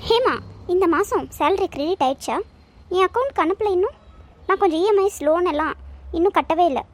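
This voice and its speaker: A woman's voice: very high voice, expressive, brisk, pitched above the performer's own voice. A woman voicing a bossy cartoon husband who scolds and gives orders. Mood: scolding. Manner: commanding, scolding.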